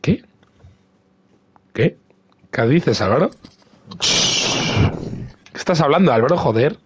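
A young man streaming a football video game live, giving excitable running commentary on his own play and repeating words. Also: a little high, slow, slightly rough. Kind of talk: live gaming stream chat with friends.

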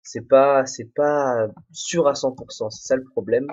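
Young man, let's play host, rambling self-talk, husky voice, dull muffled home recording. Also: medium pitch, steady tone, a little slow, darkish tone. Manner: rambling, self-mocking, talks to himself. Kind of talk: casual solo gameplay commentary. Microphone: desk microphone, no headphones.

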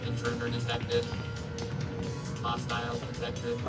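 An actor voicing a cold, malfunctioning security robot through a glitching robotic filter, giving flat, clipped announcements. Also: medium pitch, unhurried, far from the mic. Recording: echoey game audio over loud music.

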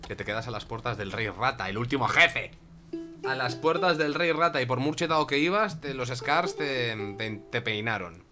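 A gaming YouTuber with a Spain Spanish accent and a mid-range voice gives casual gameplay commentary at a moderate pace over music. He's chatty, talking to himself and to his cat.

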